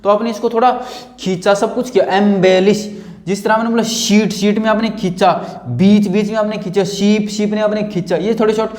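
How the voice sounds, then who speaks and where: Chatty high-voiced teacher man in echoey room. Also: steady tone, fairly quick, darkish tone. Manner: repeats and quizzes students, chatty and playful. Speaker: English teacher. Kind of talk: informal online lesson. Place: home room recording himself on camera.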